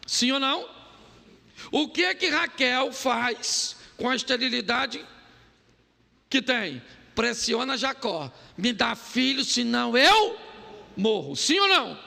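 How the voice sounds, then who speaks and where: A man with a Brazilian Portuguese accent, a pastor giving a lively comic sermon who keeps asking the crowd to answer yes or no and acts out the people in his stories. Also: extremely high pitch, vocal fry, in a large hall. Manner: asks the crowd "sim ou não?" and acts out quoted voices.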